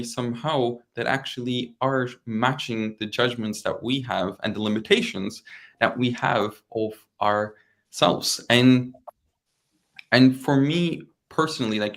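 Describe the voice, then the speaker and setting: A young man from Turkey talks to a small group, and his speech is loose and rambling. He says "like" over and over and repeats his phrases. His voice sits at an ordinary, middle pitch for a man. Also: fairly bright tone. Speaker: guest speaker. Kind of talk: casual group talk.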